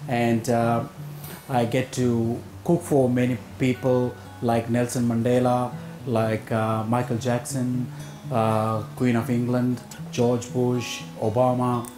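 A man's voice: mid-range voice, monotone, slow pace. A man in his forties with a South Indian accent, talking informally as a chef in an interview. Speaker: executive chef, interview guest. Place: open-air hotel pavilion demonstration table. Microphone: lapel mic. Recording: roomy echo, music underneath.

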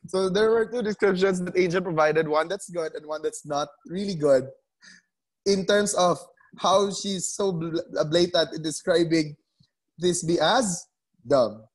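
Over a video call, a man teaches an online English class, coaxing his students to answer and repeating names and words again and again. His voice is high and slow, broken by frequent pauses, and the recording is rough.

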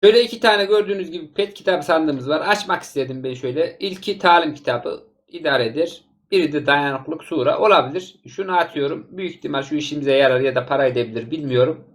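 A man giving calm, matter-of-fact gameplay commentary as a gaming YouTuber, sending greetings to his viewers. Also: fairly high pitch, fast.

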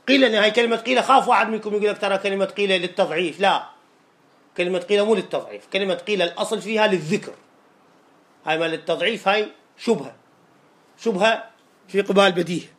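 A man with an Iraqi Arabic accent lectures a class in a fairly high voice. He keeps asking his listeners questions and then answers them himself, and he slows right down to read quoted text word by word. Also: a bit bright. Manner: explains by question and answer, reads quoted text slowly and deliberately. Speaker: sheikh teaching Arabic rhetoric.

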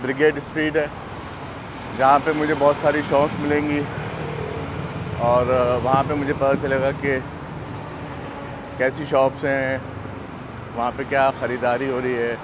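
A middle-aged man from Pakistan narrating a casual walking travel vlog outdoors on a lapel mic, unhurried and chatty with many fillers. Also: medium pitch, level tone. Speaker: travel vlogger. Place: busy city street outdoors. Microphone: clip-on lapel mic. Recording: outdoor street noise. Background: street traffic.

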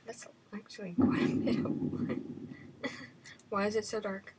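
A woman's voice: mid-range voice, level tone, measured pace. A woman giving horror game commentary, nervous and jumpy, often dropping into half-whispered asides. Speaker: gamer. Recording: loud background noise.

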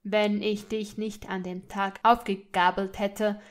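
A woman voicing an arrogant, mocking young man who speaks calmly in a drawl in an audiobook drama. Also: medium pitch, takes it slowly, lightly acted. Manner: calm, drawling, sneering.

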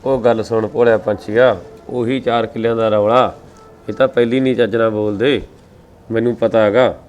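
An actor playing a complaining bachelor uncle in a Punjabi village family drama, speaking with a Punjabi accent. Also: male voice, fairly low pitch, steady tone, normal speed, a little mellow, lo-fi sound, soft background music, natural voice. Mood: self-pitying. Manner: complaining, self-pitying.

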